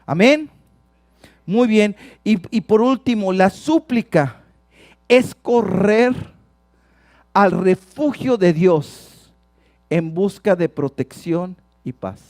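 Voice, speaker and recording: Dramatic high-voiced preacher. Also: male voice, expressive, slow pace, long pauses, no echo, clean studio sound. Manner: dramatic, shifts from hushed to shouting while reading psalms. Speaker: pastor. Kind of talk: sermon.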